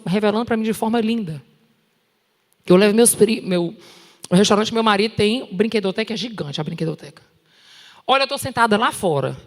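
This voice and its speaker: A woman with a Brazilian Portuguese accent preaching at a conference in an animated, direct, scolding way, with touches of humor. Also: a little high. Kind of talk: sermon. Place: large church hall. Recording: long hall reverb.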